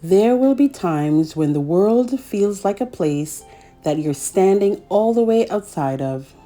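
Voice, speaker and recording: A woman's voice: medium pitch, animated, takes it slowly, dark tone, faint music behind. A woman hosting a children's read-aloud, telling a picture-book story expressively and speaking directly to young listeners.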